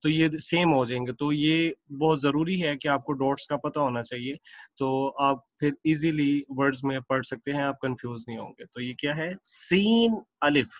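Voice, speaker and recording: A man teaching Quran reading, explaining Arabic letters with English words mixed in and repeating each letter pair slowly and at length. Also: medium pitch, steady tone, dry recording, lo-fi sound.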